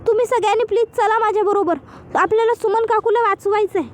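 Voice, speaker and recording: A woman's voice: sits high, moderate pace, a little mellow, close to an everyday voice. A woman voicing a scheming young woman who turns urgent and pleading, in a storybook recap.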